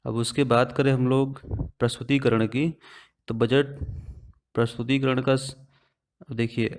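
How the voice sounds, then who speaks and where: A male teacher, his voice at a normal middle pitch, leads an exam-prep session in a step-by-step way. He tends to ask the class questions and answer them himself. There's little pitch movement, the pace is measured, and the sound is a little mellow.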